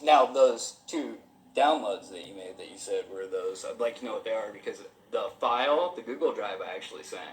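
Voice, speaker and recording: A man's voice: lowish voice, lively intonation, fairly quick. Assertive man, distant echoey dictaphone recording. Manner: assertive, questioning, contesting details. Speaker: complainant being interviewed. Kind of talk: recorded interview exchange. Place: indoor room.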